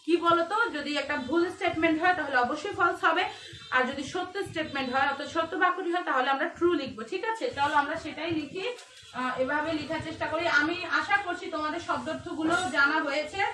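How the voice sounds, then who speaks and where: A woman teacher with a Bangladeshi accent, giving a children's English lesson, reading English slowly and explaining it in Bengali. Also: sits high, pushed and bright, a little hiss or hum. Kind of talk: online class lesson. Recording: echoey room, distant mic.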